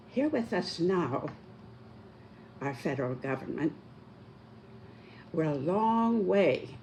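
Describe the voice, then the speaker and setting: Very old speaker, slow and deliberate. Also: medium pitch, creaky, a little mellow, slight background noise. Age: 90s. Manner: slow, deliberate, emphatic elderly delivery. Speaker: speaker giving a talk.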